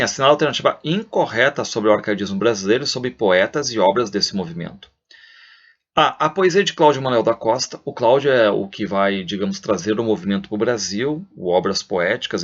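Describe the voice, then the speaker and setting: A man's voice: fairly low pitch, quick pace. A man with a Brazilian Portuguese accent, a literature teacher going over exam answers in a video lesson, asking questions and answering them himself. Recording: dull lo-fi sound.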